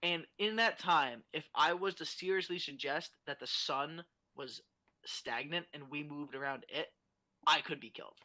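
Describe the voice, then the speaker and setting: Bright-voiced man ranting profanely. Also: on the high side, moderate pace. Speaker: guest. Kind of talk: casual podcast chat.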